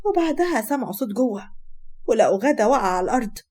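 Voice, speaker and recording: Egyptian woman narrator, high voice, quick, quiet scripted storytelling. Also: very animated.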